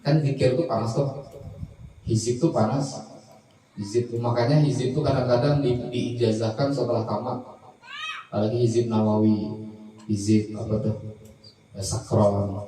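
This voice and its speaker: Echoey, distant preacher. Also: male voice, on the low side, mellow. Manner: sing-song chanting of Arabic prayers. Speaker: Islamic boarding school teacher. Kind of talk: religious lecture to students. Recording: very echoey room, distant mic, faint noise.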